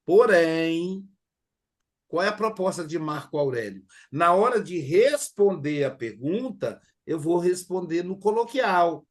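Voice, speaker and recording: A middle-aged man with a Brazilian accent giving a conversational class lecture, full of fillers and acted quotes. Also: high-pitched. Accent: Brazilian Portuguese. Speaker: teacher.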